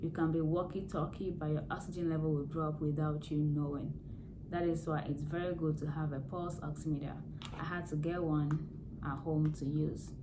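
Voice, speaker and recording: Recorded to camera over a constant background hiss, a nurse vlogger gives casual advice on caring for someone at home. Her voice is low and hoarse, her pace moderate, and her explanations simple, as she circles back to repeat the important words.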